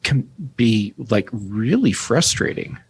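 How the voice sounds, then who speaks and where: A man speaking as a guest on a casual tech podcast, measured with a dry humor. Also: fairly low pitch, animated, husky.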